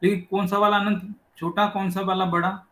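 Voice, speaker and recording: A man giving a religious scripture lecture, explaining step by step, asking rhetorical questions and reciting verses slowly. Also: sits high, little pitch movement, fairly bright tone. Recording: echoey room.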